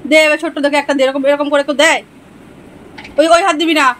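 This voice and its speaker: A woman's voice: sits high, fairly even intonation, fast, fairly bright tone, slight background noise, poor audio. A woman at home, coaxing and scolding her pets in baby talk. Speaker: pet owner vlogger.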